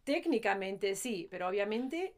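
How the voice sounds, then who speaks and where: A woman's voice: medium pitch, expressive, measured pace. A woman with a light Argentine accent, chatting casually as a podcast co-host and telling stories with asides. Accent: light Argentine Spanish. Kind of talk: casual chat.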